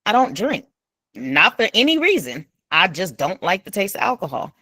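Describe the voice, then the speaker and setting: A woman casually retelling an awkward evening to someone, acting out quoted speech and talking in an informal, relaxed way. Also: normal speed, husky, no room sound, clean studio sound. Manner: animated, acts out quoted speech with big pitch jumps; informal speech with dropped verb endings. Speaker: storyteller recounting an incident.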